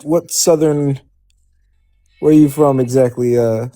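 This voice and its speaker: A man's voice: medium pitch, fairly even intonation, unhurried, dark tone, faint music behind. A man joking playfully in a casual group chat.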